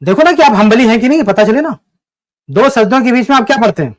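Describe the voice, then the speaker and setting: A man with a very high voice hosts a live debate call-in. He presses insistently and asks the same pointed question again and again. The sound is dry and close, with no room in it. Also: lively intonation, dry recording. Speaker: host questioning a caller.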